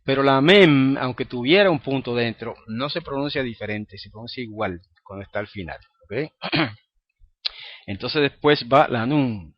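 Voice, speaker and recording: A man teaches a recorded lesson, explaining patiently and frequently checking in with the listener. His mid-range voice moves at a moderate pace with no echo, in a dry, dull lo-fi recording.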